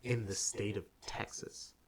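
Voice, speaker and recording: On a relaxed podcast about games and movies, a young male co-host talks things through thoughtfully, his sentences trailing into fillers. He speaks with a lowish, steady voice at a measured pace.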